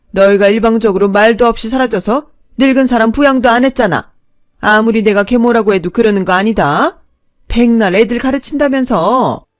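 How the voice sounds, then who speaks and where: A woman voicing a brazen old stepmother-in-law who talks loud, whining and accusing. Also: fairly high pitch, no echo, studio quality, close to an everyday voice.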